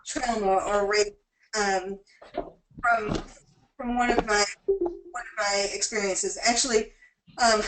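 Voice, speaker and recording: A woman moderating a webinar, brisk and quick to laugh. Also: a little high, a bit bright. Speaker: webinar facilitator. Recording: roomy, distant call audio with faint hiss.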